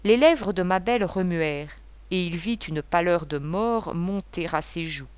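A woman narrating a novel as an audiobook, in a measured literary reading. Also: on the low side, animated, a little mellow, clear, resonant tone. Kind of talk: scripted narration.

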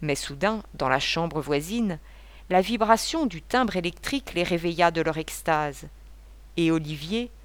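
Low-voiced woman reading a novel. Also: no echo. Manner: measured literary reading. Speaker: audiobook narrator. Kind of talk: scripted narration.

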